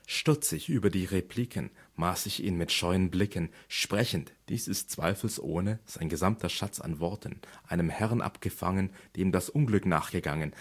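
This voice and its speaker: A man with a very low, husky voice recites dramatic poetry. His delivery is declamatory, building to urgent, louder passages and then dropping into slow, murmured refrains. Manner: declamatory, rising to urgent outbursts and sinking to slow, hushed refrains. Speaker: audiobook reader.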